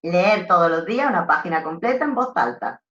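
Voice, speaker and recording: Andalusian woman lecturer, talkative and expressive, low voice, slightly muffled audio. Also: fairly quick. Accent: Andalusian Spanish. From Andalusia, Spain. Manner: talkative, animated teacher, repeats herself. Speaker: customer service trainer. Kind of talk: online lecture.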